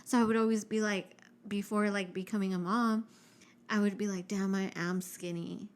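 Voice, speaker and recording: A woman's voice: medium pitch, steady tone, normal speed. Frank, swearing young woman chatting. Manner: frank and profane, heavy use of "like"; mixes in Spanish words. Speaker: podcast co-host. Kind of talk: casual chat.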